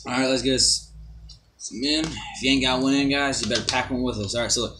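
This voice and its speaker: A man's voice: mid-range voice, steady tone, brisk, sharp tone, a little hiss or hum. A young man giving a casual, rambling amateur product review to camera, repeating himself and swearing mildly.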